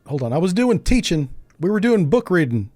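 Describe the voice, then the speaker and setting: Male streamer, chatty and quick to laugh, higher-pitched speaking voice. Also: big pitch swings, a little mellow, no echo, clean studio sound, faint music behind. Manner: chatty, jokey, laughs often, thinks aloud. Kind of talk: casual live gameplay commentary.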